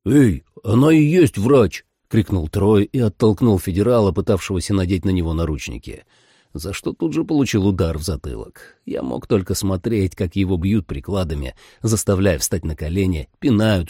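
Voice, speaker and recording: A man narrates a first-person action audiobook with dramatic flair. His voice is low, dark and gravelly with a husky edge. The pitch swings widely as he tells it. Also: animated, normal speed, no echo, clean studio sound. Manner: dramatic, voices every character.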